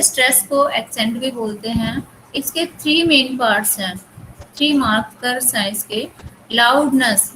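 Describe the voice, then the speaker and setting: A young Indian woman, a native Hindi speaker, teaching an English class with an Indian accent. She reads English passages slowly and then explains them. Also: sits high, a bit bright, slight background noise, rough recording. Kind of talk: bilingual classroom lecture.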